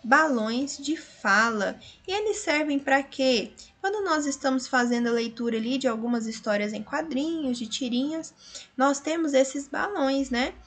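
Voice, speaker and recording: A woman's voice: on the high side, measured pace, a bit bright. A woman teacher giving a recorded revision lesson, explaining step by step and often checking understanding with little tag questions.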